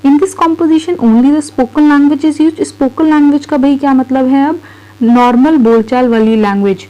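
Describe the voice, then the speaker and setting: A woman teacher with an Indian accent, slowly reading English notes and then explaining them, asking and answering her own questions. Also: high voice, mellow, poor audio. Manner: explains each line, asks and answers own questions, says "bhai".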